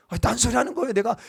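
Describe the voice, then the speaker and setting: High-voiced male pastor preaching. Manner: keeps asking the congregation for responses; builds to loud, emphatic proclamation. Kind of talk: sermon.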